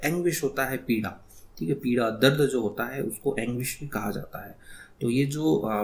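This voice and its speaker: Slow explaining male teacher. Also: medium pitch. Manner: slow, repetitive explaining, reads English words out one by one. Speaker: English teacher. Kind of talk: explaining an English text line by line.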